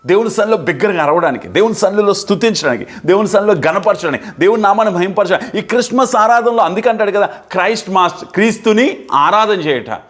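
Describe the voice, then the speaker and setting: A man's voice: high-pitched, expressive, quick pace, few pauses, a bit bright. A man preaching a fervent sermon as pastor, building emphasis through repeated phrases. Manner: fervent, repetitive preaching, rising and falling emphasis.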